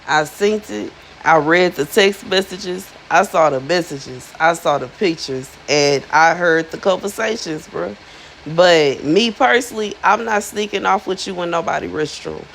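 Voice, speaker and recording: A woman's voice: lowish voice, measured pace, vocal fry, a bit bright, slight background noise, low-quality recording. A woman in her thirties giving a casual, chatty monologue to her viewers, slangy and emphatic, often repeating herself for effect. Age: 30s. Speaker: spiritual influencer.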